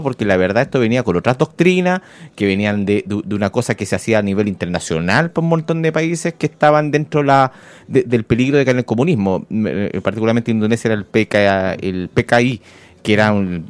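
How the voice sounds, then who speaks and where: A Chilean man co-hosting a radio discussion, explaining history in a measured, informed way. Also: lowish voice, dry recording. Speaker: radio show co-host.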